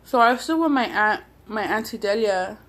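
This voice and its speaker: A woman vlogs casually over a meal, chewing while she talks. Her storytelling is personal and rambling, with hesitant pauses between bites. The pitch sits in an ordinary middle range for a woman. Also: lively intonation, fairly bright tone. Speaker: mukbang vlogger.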